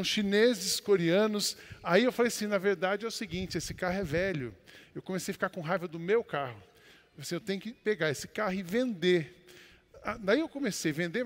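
A man with a Brazilian accent, a pastor preaching a sermon and telling a personal story, with sudden loud exclamations between quieter asides. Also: high voice. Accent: Brazilian Portuguese. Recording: long hall reverb.

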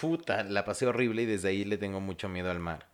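A young Mexican man co-hosting a podcast, telling a story in casual chat and acting out his own shouts. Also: fairly low pitch, quick pace. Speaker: podcast co-host.

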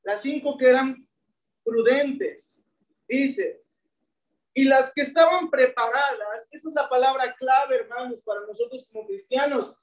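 A woman's voice: high voice, measured pace. A woman preacher delivering a sermon, often putting rhetorical questions to the congregation and addressing them as brethren. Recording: echoey room, voice from a distance.

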